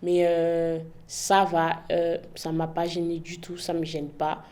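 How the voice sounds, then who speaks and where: A woman's voice: fairly low pitch, completely flat delivery, slow pace, mellow. A young woman giving frank, impassioned interview answers, often tagging her points with "en fait". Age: young adult. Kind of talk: candid interview testimony.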